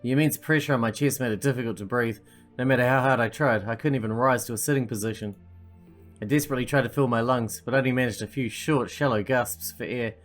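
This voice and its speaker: A woman's voice: very deep voice, quick pace, faint music behind. A woman doing a let's play, reading game narration aloud and adding casual commentary.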